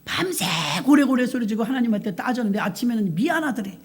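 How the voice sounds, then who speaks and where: A woman's voice: a little high, expressive, moderate pace, mellow. A woman pastor preaching at a night vigil service in a church, stressing words by repeating them and asking the congregation rhetorical questions. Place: church sanctuary.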